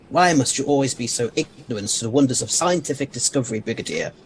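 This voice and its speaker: A man's voice: medium pitch, animated, moderate pace, a little hiss or hum, lightly acted. A man playing an eccentric, erudite, unflappable scientist in an audio drama, speaking in a lofty theatrical manner. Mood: lofty, proud. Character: eccentric, intrigued, unflappable male alien scientist.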